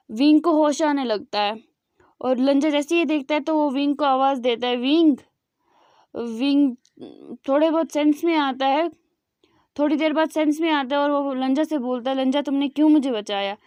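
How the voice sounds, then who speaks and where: A woman's voice: sits high, fairly even intonation, normal speed, a little mellow, no room sound. A young woman retelling a fan story in a loose, spoken way, with many fillers and restarts.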